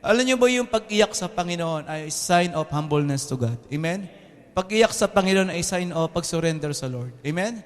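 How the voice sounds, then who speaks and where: Young Filipino pastor, male, preaches in a high, bright voice, trading jokes and "Amen?" with his flock; recorded in a reverberant church hall. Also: normal speed. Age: young adult. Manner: lively, joking, often asks the congregation "Amen?". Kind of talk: sermon. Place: church hall with air conditioning.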